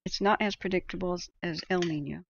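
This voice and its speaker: Creaky-voiced American woman, casual live commentator. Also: lowish voice, fairly even intonation, a little fast, a little hiss or hum. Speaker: livestream host tracking wildfires. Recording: dull, muffled close microphone.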